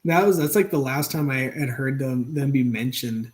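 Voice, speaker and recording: A man in his thirties hosts a live stream from his home workshop, chatting loosely with plenty of fillers and restarts. His voice sits in the mid range, slightly mellow, at a moderate pace.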